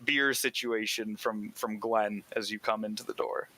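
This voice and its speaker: A man's voice: fairly low pitch, steady tone, measured pace, pushed and bright, dry recording. A man narrating as game master in a loose, rambling casual way. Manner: loose, rambling, laughing asides.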